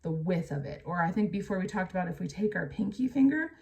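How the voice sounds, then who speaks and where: An American woman reads aloud as a teacher, her slightly low voice gravelly and dark, animated and quick. She explains things plainly to young pupils, addressing them directly and shifting between the text and her own asides.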